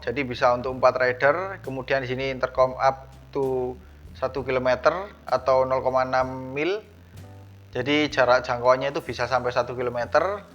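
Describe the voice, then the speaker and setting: This male unboxing vlogger has a medium-pitched, fairly bright voice as he chats casually and explains the product he's opening. Background music plays under a dull, lo-fi recording.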